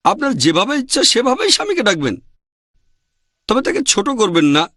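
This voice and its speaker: A man's voice: sits high, huge pitch swings, normal speed, sharp tone, no echo, studio quality. A man answering audience questions in a lecture, repeating his points with emphasis.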